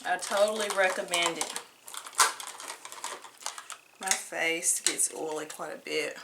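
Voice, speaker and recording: A woman's voice: on the low side, slow, heavy background noise. A woman casually reviewing a wig at home, chatty, drawing out her praise and calling viewers honey. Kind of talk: casual product review vlog. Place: home room with wigs on floor.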